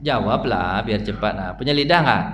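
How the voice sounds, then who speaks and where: An Islamic preacher with a lowish voice and a slightly bright tone gives a chatty dawn study lecture at a moderate pace in a mosque hall. He keeps quizzing his listeners with questions and uses homely, humorous examples. The audio is dull and echoey, with faint background noise.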